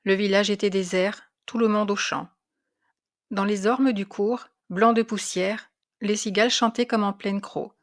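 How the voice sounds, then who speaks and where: Woman reading a classic story aloud. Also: medium pitch. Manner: measured, expressive storytelling. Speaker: reader of literary classics. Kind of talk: scripted narration of a classic story.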